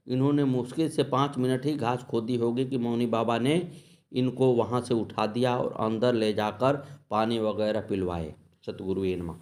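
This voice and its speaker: Man narrating devotional tales. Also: mid-range voice. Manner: measured reading, soft murmured invocations between episodes. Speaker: devotional storyteller.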